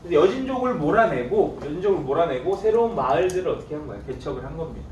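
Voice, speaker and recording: A man with a slightly high, animated voice lectures a classroom, firing questions at his students and answering them himself. He teases them in a playful way. He is picked up from a distance in an echoey room with faint background noise. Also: fast talker, highs cut off. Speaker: history teacher.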